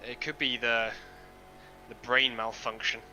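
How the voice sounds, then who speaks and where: Man, very bright voice, casual race chat, self-deprecating, swears, headset mic. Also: mid-range voice, level tone, unhurried, a little hiss or hum, poor audio. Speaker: streamer and sim racing driver. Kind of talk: casual chat while racing.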